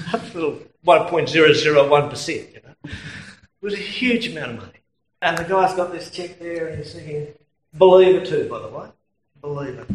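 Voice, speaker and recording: A man's voice: a little high, reverberant, poor audio. A man with an Australian accent preaching a sermon in a conversational way, telling anecdotes and chuckling at his own stories.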